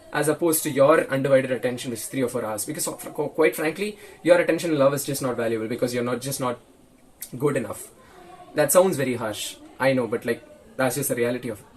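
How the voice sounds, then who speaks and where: A 19-year-old male video creator talks alone to the camera in a casual, earnest, blunt way, frequently repeating himself and restarting sentences. His voice is mid-range, and the recording quality is low.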